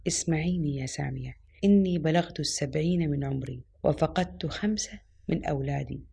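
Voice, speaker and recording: A woman reading the lines of a wise, calm elderly woman in an audio story, speaking firmly like a preacher. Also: sits low, normal speed, vocal fry, slightly rough, exaggerated voice. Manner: firm, preaching tone.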